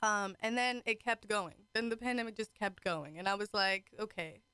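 On a dry recording, a woman in her twenties speaks at normal speed in a steady, medium-pitched voice that is sharp, clear and resonant. Raised in Trinidad and the British Virgin Islands, she chats casually on a radio show. She giggles a lot and acts out what she says.

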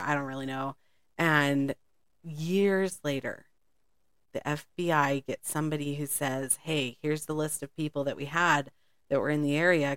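A woman's voice: sits low, no echo, clean studio sound. A woman co-hosting a podcast, telling a spy story in a rambling, casual way and laughing often. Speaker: podcast co-host.

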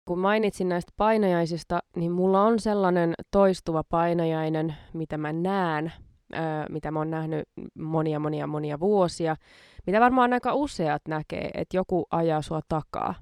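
A woman's voice: lowish voice, steady tone, a little mellow, smooth, no room sound, studio quality. A woman hosting a podcast in casual chat, self-mocking and laughing often between her words. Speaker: podcast host.

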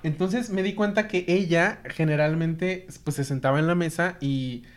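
A man's voice: a little high, normal speed. A man from Mexico, hosting a casual chat and telling anecdotes with lots of laughter. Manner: animated storyteller, laughs often, acts out voices in anecdotes. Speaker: podcast host.

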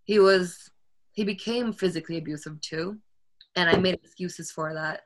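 A woman's voice: lowish voice, moderate pace, noisy background. Young woman on a podcast telling her story, kinda hesitant, lots of starts and stops. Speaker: podcast co-host. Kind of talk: casual chat.

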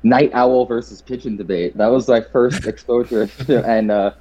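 A man's voice: medium pitch, normal speed, warm tone, slight background noise. A man co-hosting a fan podcast, chatty and leaning hard on "like", recorded on a dull lo-fi mic. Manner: chatty, heavy use of "like". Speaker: podcast co-host. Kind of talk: casual chat.

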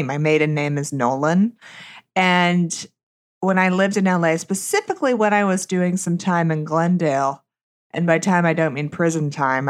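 Low-voiced woman with vocal fry. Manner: sarcastic, blunt, gossipy. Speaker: podcast host. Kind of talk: casual solo hot-topics monologue.

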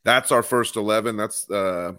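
A man's voice: lowish voice, moderate pace, sharp tone, clear, resonant tone, no echo, studio quality. A man co-hosting a casual sports podcast, chatty and enthusiastic as he reads out fan replies. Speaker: podcast co-host. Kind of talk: casual chat.

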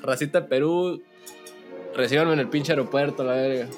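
A man's voice: medium pitch, fairly even intonation, normal speed, faint music behind. Slangy Mexican man, casual chat. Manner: slangy, swears a lot, says güey constantly. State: just woke up. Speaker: podcast host.

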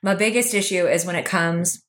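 A woman co-hosting a podcast in casual chat, blunt and quick to swear, laughing often as she talks. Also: on the low side, fairly even intonation, a bit bright, slight background noise. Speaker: podcast co-host.

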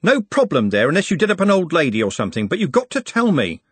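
In a storybook, a man voices a brash young working-class football fan with a high, very animated, exaggerated delivery at a moderate pace. Sounding exasperated, he's blunt, slangy and mocking in matey banter, his voice rough and husky, recorded close and dry with no echo.

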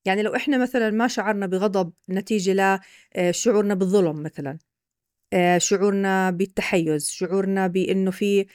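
Woman, Levantine Arabic accent, podcast expert, patient explainer, rapid delivery, mid pitch. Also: a little mellow, dry recording, studio quality.

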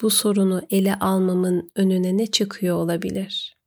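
A woman narrating a guided meditation, giving gentle, unhurried instructions with pauses. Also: medium pitch, little pitch movement, creaky.

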